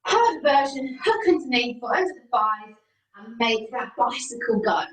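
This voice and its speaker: Higher-voiced woman coaching from across an echoey room. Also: expressive, moderate pace, a bit bright. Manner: encouraging, informal. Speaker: exercise instructor. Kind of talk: leading an online group exercise class. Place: indoor room, video call. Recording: roomy echo, far from the mic.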